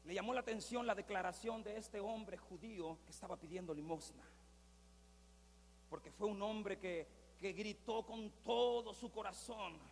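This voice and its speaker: A male pastor preaching a dramatic sermon in a church, swinging from hushed asides to loud cries. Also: high voice, normal speed, big-room sound, a little hiss or hum.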